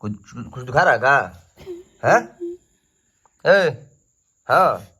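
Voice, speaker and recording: Guy vlogging at home, keeps asking whats wrong, lively up and down voice. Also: mid-range voice, moderate pace, slightly rough. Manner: coaxing, repeatedly questioning, calling out loudly. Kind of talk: casual vlog narration. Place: home, indoors.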